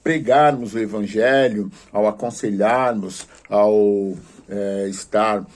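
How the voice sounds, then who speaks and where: A man teaching a grammar lesson for a theology course, pausing often with filler sounds before explaining steadily, with prayerful asides. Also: lowish voice. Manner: hesitant, many filler sounds and restarts, then steady explaining.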